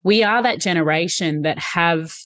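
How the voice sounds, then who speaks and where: A woman in her late thirties hosting an interview, effusive and emphatic in her reactions. Her voice sits a little low for a woman and sounds dry and close, with no room around it. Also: normal speed, a bit bright, dry recording. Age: 30s. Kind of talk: casual interview chat.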